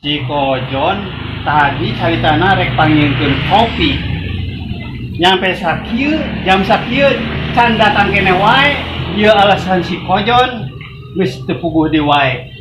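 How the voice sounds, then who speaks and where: A man's voice: high-pitched, takes it slowly. A man with a Sundanese accent playing an angry, impatient, scolding boss in an amateur comedy sketch. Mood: impatient grumbling. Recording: echoey room with clear background noise.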